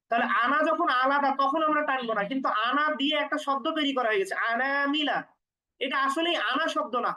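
A woman with a Bangladeshi Bengali accent leads a recitation lesson in a high, clear voice. Her tone is bright and crisp. She explains each rule patiently, repeats examples, and draws out the practice words slowly. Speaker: Quran recitation teacher. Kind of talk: step-by-step tajweed lesson.

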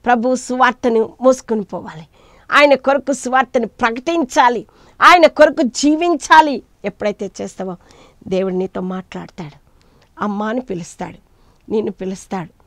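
A woman preaching a sermon, swinging between loud cries and hushed asides as she retells scripture in quoted voices. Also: mid-range voice, normal speed, dry recording, clean studio sound.

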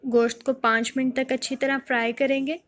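A woman hosting a home cooking channel, calmly explaining a recipe step by step in a voice-over. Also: sits high, normal speed. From Pakistan. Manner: calm step-by-step instruction.

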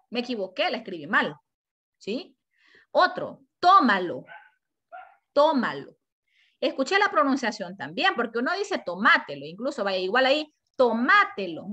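A woman teaching an online class, animated, asking herself questions and stretching out example words. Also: a little high, dull audio. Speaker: high school language teacher.

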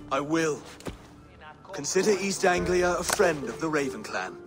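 A man's voice: fairly high pitch, animated, measured pace, over music. An actor playing a humble, grateful young Saxon king in a dramatic video game scene. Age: young adult.

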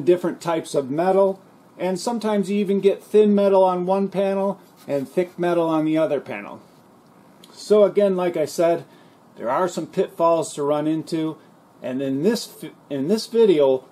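A man calmly walking through a sheet metal welding job step by step, reassuring the viewer as he works in a garage. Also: on the high side. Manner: calm, reassuring, step-by-step explaining. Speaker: auto body repair instructor. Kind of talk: welding tutorial narration.

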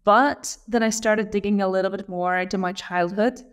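A Lithuanian operations leader in her thirties, a guest on a podcast, tells her story thoughtfully and reflectively in a casual interview chat. She joins by video call with earbuds from a small room at home, her medium-pitched voice steady, clean and moderately paced.

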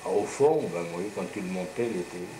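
Low and animated, this elderly man's voice moves fairly quickly as he tells rambling, down-to-earth stories from his past. He's at least in his 70s and sounds every bit the chatty grandfather. A camcorder across the table in his living room caught it, leaving a noisy, roomy sound.

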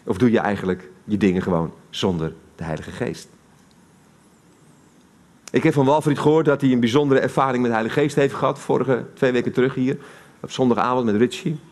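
A man's voice: mid-range voice, brisk, darkish tone. A man with a Dutch accent giving a live sermon in a church hall, talking conversationally and putting questions to the congregation. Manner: conversational, asks the audience questions. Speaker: preacher.

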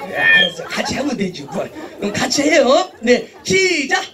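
A man's voice: very high voice, sing-song, fairly quick, noisy background. A man doing bawdy stage comedy, teasing and coaxing his audience to chant along at an outdoor show. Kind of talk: bawdy stage banter with the crowd. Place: outdoor stage before a live crowd. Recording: distant outdoor mic with loud crowd.

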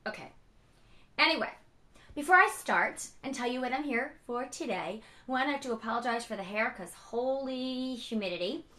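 A young woman talks chattily to her viewers from home, full of fillers and bubbly asides. Her voice is fairly high and very bright, with a raspy edge from a cold. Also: expressive, normal speed. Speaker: vlogger. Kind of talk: casual chatty vlog.

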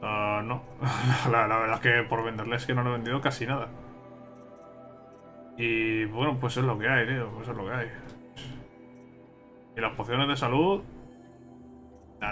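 A man with a Spain Spanish accent talks through a video game as he plays. His voice is bright and tense, and he chats along, thinking aloud and repeating his words. Faint game music plays behind him. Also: mid-range voice, fairly even intonation, normal speed, long pauses. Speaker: gaming streamer. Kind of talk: casual let's-play commentary.

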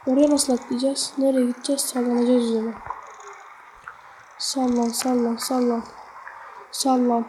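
A woman's voice: moderate pace, long pauses, a little hiss or hum, low-quality recording. A woman giving casual let's-play commentary on a mobile game, cheering on and cursing at the character with sudden yelps when she fails. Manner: excitable, sudden high yelps when failing.

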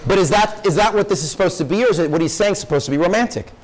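A young man, a professor, giving a conversational classroom lecture to high school students and peppering them with questions. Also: rapid-fire, low-quality recording. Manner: conversational, asks the audience lots of questions. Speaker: guest speaker, professor.

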